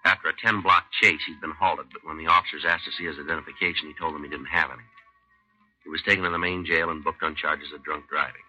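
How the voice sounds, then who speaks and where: An actor playing a tough, terse American police detective who also narrates in a deadpan, matter-of-fact way, in 1950s radio drama style. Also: male voice, extremely low pitch, quick pace, soft background music, heavily acted, low-quality recording. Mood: dry reporting.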